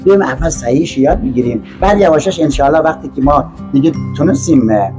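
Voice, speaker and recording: An older man speaking as a guest on an interview podcast, in a fairly high voice. He lectures didactically and keeps checking that the listener is following, with music playing behind him. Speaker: guest, language teacher.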